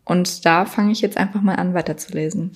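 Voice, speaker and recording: A woman's voice: fairly low pitch, brisk. A young woman co-hosting a podcast, chatting casually and reading a serial story aloud with small slips. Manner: relaxed, reads steadily with small slips and restarts. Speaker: podcast co-host.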